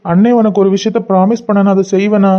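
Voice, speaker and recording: A performer with a Kanyakumari Tamil accent voicing a gentle young man in a cartoon, speaking softly in a coaxing, pleading way. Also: mid-range voice, little pitch movement, fast, muffled recording, lightly acted. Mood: soothing. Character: gentle young man, apologetic husband and caring brother. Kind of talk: cartoon voice acting.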